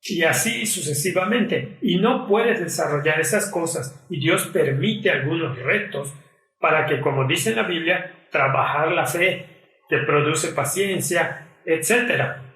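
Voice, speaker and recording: A man's voice: on the high side, measured pace, pushed and bright. A man preaching a sermon in an earnest tone, acting out quoted prayers and complaints. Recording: echoey hall, mic at a distance.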